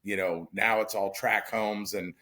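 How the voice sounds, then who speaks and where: A man co-hosting a podcast, telling stories in an easygoing, casual way, pausing often with "uh". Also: fairly low pitch, steady tone, bright, forceful tone. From Missouri, raised in Northern California. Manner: easygoing storyteller, frequent "uh" pauses. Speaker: podcast co-host.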